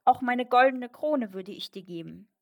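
A woman's voice: a little high, expressive, moderate pace, pitched above the performer's own voice. A woman voicing a spoiled young fairy-tale princess, reading in a whiny, eager way. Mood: pleading. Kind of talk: storybook reading.

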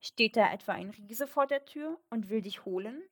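A woman voicing a calm, stern, fatherly king in a fairy tale, reading in a quieter tone. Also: on the high side, moderate pace. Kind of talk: storybook reading.

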